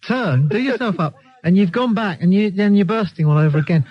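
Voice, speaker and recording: On a dull, lo-fi radio broadcast, a high-voiced Englishman runs a live phone-in, trading cheeky, sardonic banter and teasing anecdotes. There is no room sound.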